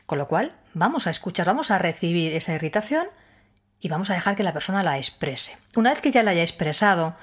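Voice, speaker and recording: Low-voiced woman explaining. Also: animated, fairly quick. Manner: rhetorical questions, emphatic and instructive. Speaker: speaker on emotional wellbeing. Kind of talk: explanatory talk to an audience.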